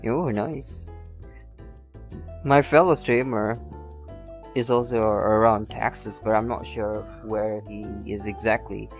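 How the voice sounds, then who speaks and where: Fairly low-pitched and fairly even in intonation, this young Indonesian gamer talks slowly through viewer comments on his live stream. He's chatty but halting, restarting often and laughing. A shotgun mic sits off-axis while game music plays softly.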